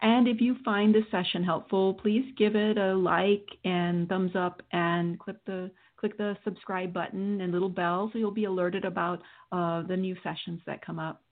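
A woman hosting a spiritual healing session, guiding listeners through meditation with soothing, deliberate phrasing and pauses. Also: fairly low pitch, fairly even intonation. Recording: muffled, dull lo-fi audio.

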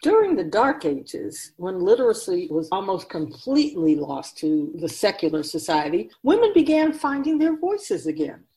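Here the same kind of role appears: a woman voicing an otherworldly keeper of souls, gravely teaching humanity through emphatic, oracular speech and rhetorical questions in radio drama dialogue. Her mid-range voice is warm and sing-song, moving at a moderate pace with few pauses. The recording quality is rough.

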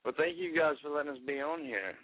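A man from Alabama with a Southern hillbilly twang, chatting casually and haltingly as an interview guest. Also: on the high side, dry recording. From Alabama, United States. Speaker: interview guest, rock band lead singer. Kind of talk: casual phone interview chat. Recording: tinny phone line, radio show.

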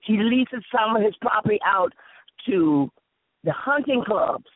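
An interview guest from South Carolina's Sea Islands, this woman tells animated stories at a measured pace in her Lowcountry Gullah Southern accent. She stays conversational yet emphatic, repeating phrases and dramatizing dialogue, captured on narrow, tinny, phone-like audio.

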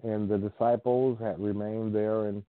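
A preacher from Ohio with a lowish voice and little pitch movement reads scripture in an informal, earnest sermon. He speaks slowly and tends to repeat himself. It's a dry recording with a tinny, phone-like character.

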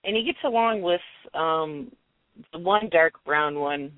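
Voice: medium pitch, unhurried, dry recording. A radio show caller on a phone line, chatting casually and hesitantly with many ums and restarts. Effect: heard over a phone line. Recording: dry, tinny phone line.

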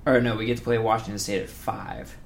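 A man hosting a casual sports podcast, talking through the game in a self-described monotone with plenty of fillers. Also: fairly low pitch, a little fast, gravelly, slight background noise. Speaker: podcast host.

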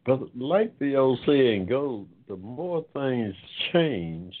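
A man in his seventies hosting an online talk forum, speaking in a casual monologue that is unhurried and reflective, with many pauses and drawn-out words. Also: medium pitch, big pitch swings. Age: 70s. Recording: tinny phone-line sound.

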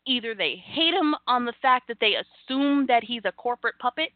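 Fired-up woman ranting about wrestling fans, kinda high voice, sounds like a phone call. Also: fairly quick, no echo. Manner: animated, sassy, acts out fan reactions. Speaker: podcast co-host. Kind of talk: casual wrestling chat. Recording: thin phone-like line.

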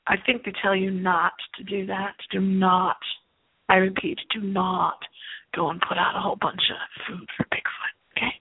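On a thin, narrow phone-line recording, a woman hosts a paranormal radio show in a husky, medium-pitched voice with a level tone at normal speed. Her monologue rambles theatrically, repeating phrases for emphasis.

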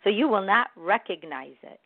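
Woman giving gentle motivational talk, tinny. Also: medium pitch, animated, normal speed, no room sound. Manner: gentle, encouraging, reflective. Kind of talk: motivational self-help talk. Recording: dry, tinny phone-like sound.

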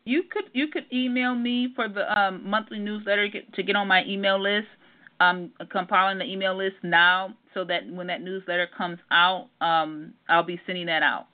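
A woman's voice: medium pitch, steady tone, normal speed. A middle-aged woman, a family therapist, calling in to a radio show over the phone. She talks earnestly, with many ums and repeated words. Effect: heard over a phone line. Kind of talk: casual radio call-in interview. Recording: narrow tinny phone line.

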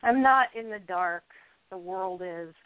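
Unhurried and on the low side, her clear, resonant voice has no room sound as she lightly performs the role of a nearly thirty actress who is depressed, jealous and defensive. Gloom and sarcasm color the radio-play scene, though the recording comes through thin and phone-like.

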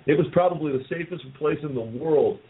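A man's voice: fairly high pitch, fairly quick. Guy host reminiscing chatty, tinny lo-fi sound. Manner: nostalgic storyteller, does voices. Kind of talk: casual chat.

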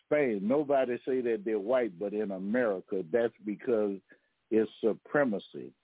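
A man hosting a history talk podcast, lecturing in a rambling, halting way with many fillers and restarts, heard over a phone line. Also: lowish voice, husky, no room sound. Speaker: podcast host. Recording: tinny phone line, dry.

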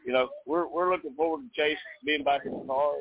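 Interviewed by phone from a campground pool beside a racetrack, this Nashville-area race fan talks with a fairly high pitch and a steady tone, fairly quickly. He's folksy, casual and easygoing. Recorded dry, the call has a narrowband, phone-like quality.

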